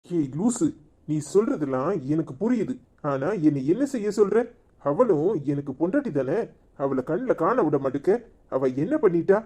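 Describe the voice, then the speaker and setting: A man's voice: fairly high pitch, sing-song, normal speed, mellow. A man voicing a scolding village husband torn between two wives, with a Tirunelveli Tamil accent. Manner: scolding, name-calling. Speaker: voice actor in a cartoon comedy. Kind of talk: village cartoon drama.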